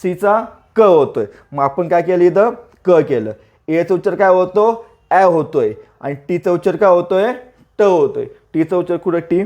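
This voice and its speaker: Brief: male teacher, high voice, drills letter sounds by repeating them slowly for kids. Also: a little mellow. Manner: repeats sounds slowly, asks and answers own questions. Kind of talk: phonics lesson for children.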